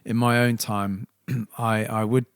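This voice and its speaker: A man's voice: fairly low pitch, flat delivery, takes it slowly, clean tone, no echo, clean studio sound. A middle-aged man, co-hosting a podcast and telling stories with enthusiasm. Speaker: podcast co-host, church leader. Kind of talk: casual conversation.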